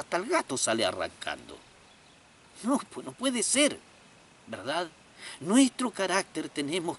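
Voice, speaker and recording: Comic preacher, high voice, very lively delivery, folksy jokes. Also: male voice, slight background noise. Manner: animated, folksy joking. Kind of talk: comedic sermon.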